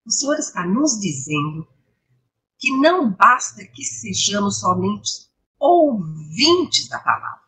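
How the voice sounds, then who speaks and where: A woman from Brazil teaching English online, mixing in Bible reflections, explaining patiently and asking her class rhetorical questions, her voice a little hoarse. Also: medium pitch, sing-song, slow, sharp tone, poor audio. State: slightly hoarse, coughing. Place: home, live stream.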